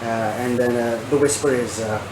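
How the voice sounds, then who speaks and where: An echoey, noisy room surrounds this man as he runs a tabletop game. He has a mid-pitched voice and builds his narration in halting fragments, with many filled pauses. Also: steady tone. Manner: halting, piecemeal delivery with frequent filled pauses. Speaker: game master. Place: indoor room shared with players. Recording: echoey room, clear background noise.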